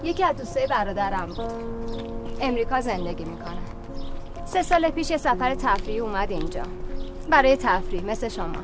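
A woman's voice: on the high side, big pitch swings, pauses often. An actress playing a hurt young woman who answers her friend with sarcastic, cutting remarks. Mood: calm. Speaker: film character. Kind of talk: feature-film dialogue. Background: film score music.

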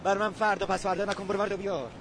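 Rude, shouting thug chasing money, played by a man, high and pushy voice. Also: natural voice. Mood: angry. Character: aggressive man demanding money, bullying. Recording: noisy film soundtrack.

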